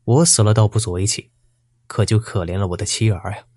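A man doing a hushed, defiant old teacher. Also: lowish voice, steady tone, fairly quick, no room sound, studio quality, close to an everyday voice. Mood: despairing. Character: stubborn, proud old village schoolteacher, man.

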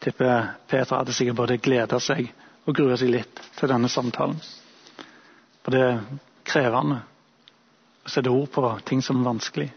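Husky, reflective male preacher. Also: mid-range voice, highs cut off. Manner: reflective, storytelling, pausing. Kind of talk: sermon.

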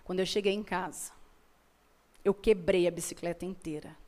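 This warm-toned Brazilian woman speaks at normal speed, her fairly low voice keeping a mostly even intonation. In a motivational storytelling conversation, she shares her experiences earnestly and emphatically, repeating phrases for effect.

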